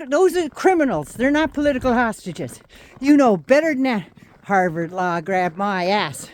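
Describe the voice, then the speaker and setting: Angry older woman ranting, higher voice. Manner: heated, profane, sarcastic ranting. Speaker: vlogger. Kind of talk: angry political rant.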